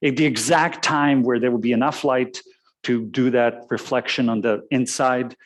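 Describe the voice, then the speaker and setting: A man's voice: medium pitch, fairly even intonation, normal speed. A man from Serbia with a Serbian accent, giving a musing, discursive lecture as a guest photographer and correcting himself as he goes. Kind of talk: lecture talk with slides. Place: lecture room.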